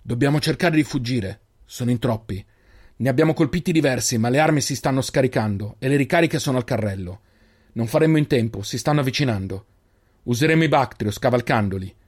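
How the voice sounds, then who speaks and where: A man voicing an old male keeper who leads the group, calm and commanding. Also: medium pitch, fairly quick, breathy edge, close to an everyday voice. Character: old male keeper, steady caring leader.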